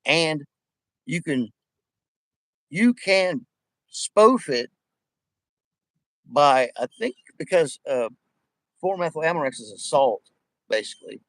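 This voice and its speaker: A man's voice: on the high side, animated, slow, long pauses, fairly bright tone, no echo, low-quality recording. A man with missing front teeth in a casual, profanity-laden rant, talking in a rambling, emphatic, repetitive way. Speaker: vlogger addressing viewers.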